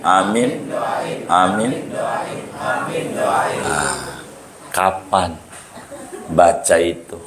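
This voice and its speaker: A man's voice: sits low, roomy sound, slight background noise. A man preaching a playful sermon, bantering with the audience and acting out mocking remarks. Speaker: Islamic preacher. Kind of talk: lively sermon to a congregation.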